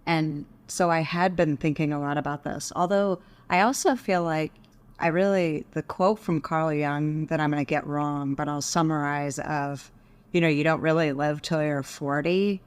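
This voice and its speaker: A woman's voice: sits low, fairly even intonation, normal speed, clean tone. A middle-aged woman from Texas, talking thoughtfully and measuredly as a podcast guest. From Texas, USA. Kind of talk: reflective interview talk.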